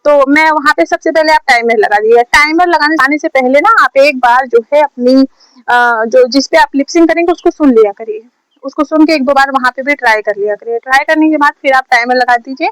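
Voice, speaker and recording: A high-voiced woman from India gives a casual home tutorial, filmed on a phone on a stand. She talks in a chatty, repetitive way, hammering each step home. The sound is dry and close, with no room echo. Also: fairly quick, fairly bright tone. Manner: chatty, repetitive, drills points over and over. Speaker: short-video creator teaching lip sync. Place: home, recording herself.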